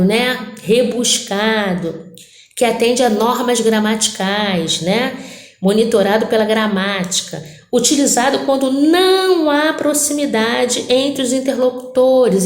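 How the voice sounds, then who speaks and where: A woman's voice: fairly high pitch, reverberant. A woman teacher giving a recorded grammar review lesson, explaining step by step and often ending phrases with short tag questions. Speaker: Portuguese language teacher.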